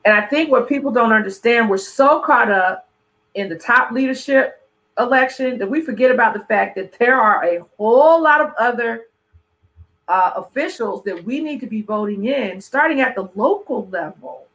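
A host with a mid-pitched voice speaks in a measured, explanatory way during a casual conversation. The pace is steady and unhurried. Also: poor audio.

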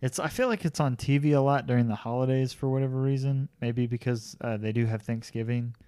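A man's voice: medium pitch, a little fast, warm tone, clean tone, dry recording. A young man hosting a casual podcast chat, rambling and self-deprecating, laughing often. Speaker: podcast host.

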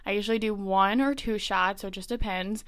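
A woman's voice: mid-range voice, steady tone, a little fast, fairly bright tone. A young woman hosting her own podcast in casual chat, bubbly and chatty, a little out of breath. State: slightly out of breath. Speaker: podcast host.

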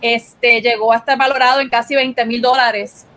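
A woman's voice: fairly high pitch, fairly even intonation, moderate pace, a bit bright. A Puerto Rican woman giving a casual explainer as host of a gaming segment, mixing English words into her Spanish in Spanglish.

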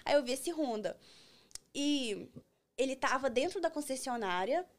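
A woman's voice: high voice, a little slow. A young Brazilian woman with a Brazilian Portuguese accent, a podcast guest telling an anecdote in casual chat and acting out what other people said. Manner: animated storyteller, acts out other people's lines.

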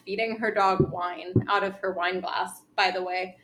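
A woman chatting casually with friends, telling stories with lively mimicry of the people she describes. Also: mid-range voice, moderate pace, slight background noise. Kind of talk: casual chat.

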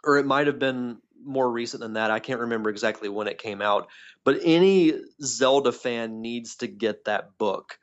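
A man's voice: mid-range voice, normal speed. Man on a tinny, metallic phone line. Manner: enthusiastic, rambling fan talk. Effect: tinny, metallic tin-can phone-line sound. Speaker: podcast co-host. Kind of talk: casual chat. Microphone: phone call.

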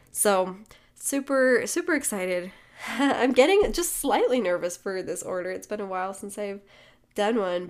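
Upbeat woman, a bit nasal from a cold. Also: medium pitch. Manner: upbeat and encouraging, laughs often. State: slightly nasal from a recent cold. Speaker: podcast host and small business owner. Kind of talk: casual solo podcast monologue.

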